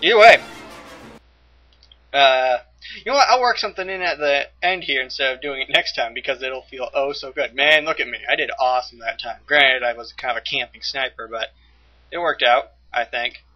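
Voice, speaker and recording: A young man giving excitable gameplay commentary as a let's play host, exclaiming and laughing often. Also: mid-range voice, fairly quick, dull audio.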